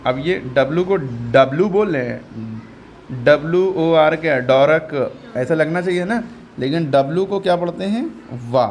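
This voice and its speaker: A man's voice: a little high, expressive, normal speed, darkish tone, a little hiss or hum. A man teaching English reading, patiently repeating each sound and quizzing his learner step by step. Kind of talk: step-by-step phonics lesson.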